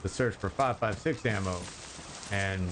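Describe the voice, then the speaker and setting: A man's voice: lowish voice, noisy background. A man casually commentating his game on a live stream, joking and chatting with viewers, rambling with lots of fillers. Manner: slow, rambling with many fillers.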